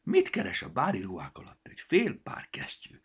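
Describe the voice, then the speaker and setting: A man's voice: fairly low pitch, wildly swooping pitch, fairly bright tone, husky, voice pushed up, exaggerated voice. A man voicing a fussy, busy little male elf who chatters and grumbles to himself. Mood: lively.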